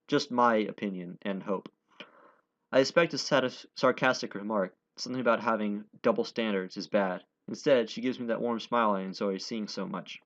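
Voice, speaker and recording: A man playing a visual novel as a let's player reads its dialogue and narration aloud, stumbling over words and correcting himself. His fairly low, slightly bright voice moves at a moderate pace, and the dull audio carries game music behind it.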